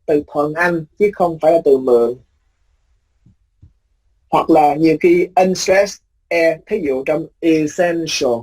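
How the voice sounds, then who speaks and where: A male teacher giving a recorded lecture, explaining patiently, repeating key points and drawing out example words slowly. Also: on the high side, darkish tone, rough recording.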